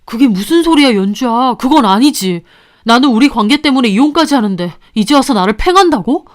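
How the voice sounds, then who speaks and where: A woman's voice: fairly high pitch, lively intonation, brisk, no room sound, clean studio sound, lightly acted. A woman voicing a cheating husband who whines defensively and then lashes out in anger. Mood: pleading. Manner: whiny, defensive, angry. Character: cheating husband, pleading then bullying, man in thirties. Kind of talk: dramatized story reading.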